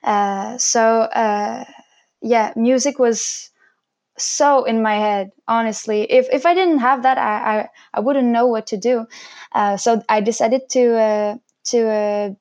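Young woman speaking careful second-language English, higher voice. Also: fairly even intonation, slow, a little mellow. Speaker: interview guest, singer and violinist. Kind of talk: personal storytelling in an interview.

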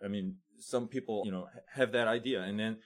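A Korean-accented man answers in English as a guest, pausing often while he finds his words. His voice sits a little low. He speaks English as a second language, Korean being his first. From South Korea. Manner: halting, searching for words. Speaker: chocolate shop owner, guest. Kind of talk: interview answers.

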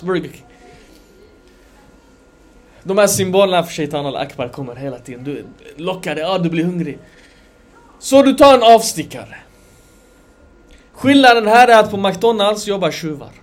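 A man giving a conversational sermon to a gathering, animated, swinging between loud emphasis and quiet asides. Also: fairly high pitch. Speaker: religious lecturer.

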